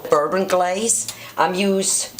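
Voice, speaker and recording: A woman's voice: lowish voice, fairly even intonation, takes it slowly, roomy sound, a little hiss or hum. A woman from Germany with a German accent, explaining a cooking recipe step by step with small grammar slips. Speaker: home cook. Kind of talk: cooking demonstration. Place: home kitchen.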